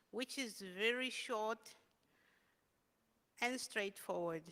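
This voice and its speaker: A woman from a government department giving a short formal presentation in a measured way. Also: mid-range voice, a bit bright, clear, resonant tone. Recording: reverberant hall.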